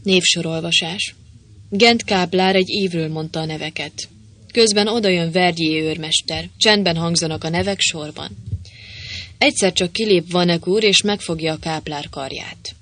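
Hungarian audiobook reader, lively voice-work. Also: mid-range voice. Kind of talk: audiobook narration with character voices.

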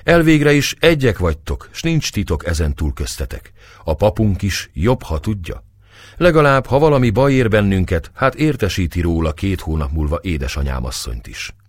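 A man's voice: low voice, sing-song, dry recording. Bold frank young comrade, read by a man, dry close sound.

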